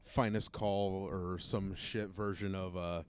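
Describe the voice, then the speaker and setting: A man on a casual podcast, calmly walking his friends through a drink recipe. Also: low-pitched, takes it slowly. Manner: explains drink recipes step by step. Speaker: podcast co-host. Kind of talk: casual chat among friends.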